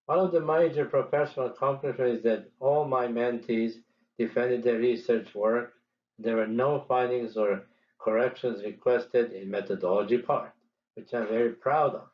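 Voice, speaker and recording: A man's voice: mid-range voice, steady tone. Older man, muffled recording. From Serbia. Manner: deliberate, measured lecturing with pauses. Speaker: statistics professor. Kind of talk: recorded teaching presentation.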